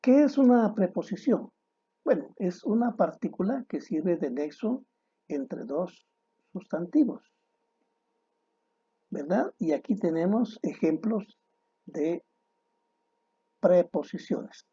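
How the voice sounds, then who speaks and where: Slow, didactic high-voiced man teacher. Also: expressive, mellow, slightly rough, muffled recording. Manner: didactic, slow and deliberate, asks rhetorical questions. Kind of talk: recorded grammar lesson.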